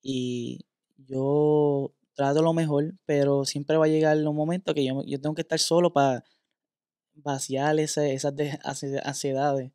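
A man's voice: a little high, level tone, a little slow, dark tone, smooth, dry recording, clean studio sound. Man telling a candid story. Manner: candid storytelling, mixes in English words. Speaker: podcast host.

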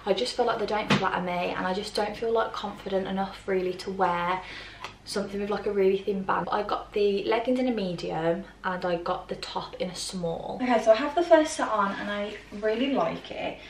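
A gravelly, medium-pitched female voice, a little fast, belongs to a young British vlogger in her twenties doing a chatty try-on haul packed with "like" and other fillers. Recorded indoors in a plain grey bedroom on a camera mic from across the room, the audio has roomy echo, a slightly off-mic voice, faint ambience, and light background noise.

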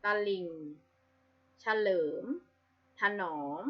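Woman primary teacher, slow and patient, slightly dull lo-fi recording. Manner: patient, spells out each sound carefully. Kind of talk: slow, clear classroom reading lesson.

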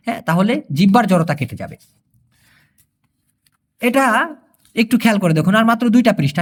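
A language teacher, explaining a lesson patiently and repeating phrases. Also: mid-range voice.

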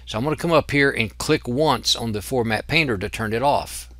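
A man teaching software in a screen-recorded tutorial, explaining each step patiently. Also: medium pitch, a little fast, no room sound. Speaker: software instructor.

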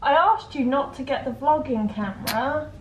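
A woman's voice: high-pitched, moderate pace, a little hiss or hum. A young woman chatting casually in her vlog, bubbly and full of exclamations. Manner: bubbly and exclamatory, gushes at dogs. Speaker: vlogger.

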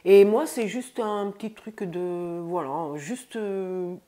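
A French vlogger in her thirties, stuffy-nosed from a cold, chats upbeat with her viewers about her grocery haul, often saying "les amis". Her voice is on the low side and slow, recorded on a lapel mic in a bright room by a window.

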